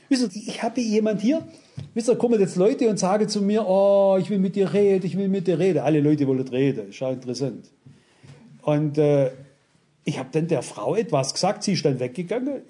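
A man's voice: high voice, dark tone. A man preaching a blunt, emphatic sermon, often asking his listeners rhetorical questions and citing scripture. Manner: quotes scripture references. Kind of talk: sermon to a congregation.

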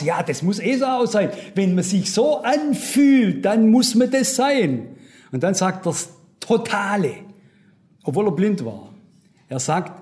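A man's voice: high voice, a little mellow. A man preaching a sermon, earnest and emphatic, speaking straight to his listeners.

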